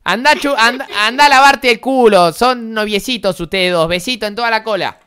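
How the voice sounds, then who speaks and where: This twenty-something man with an Argentine accent streams games and needles other players in casual voice chat. His high-pitched voice sounds pushed and bright, clear and resonant, and he speaks a little fast.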